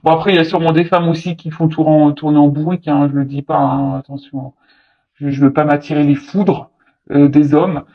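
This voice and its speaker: A woman's voice: low voice, steady tone, brisk, highs cut off. A woman giving a casual tarot reading to her viewers, talking hesitantly with many fillers and restarts, chatty and a little teasing. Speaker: tarot card reader.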